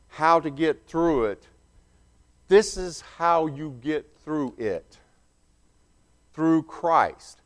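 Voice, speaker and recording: Slow, clear-voiced male preacher. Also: mid-range voice. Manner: earnest, emphatic, with pauses and self-corrections. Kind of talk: sermon.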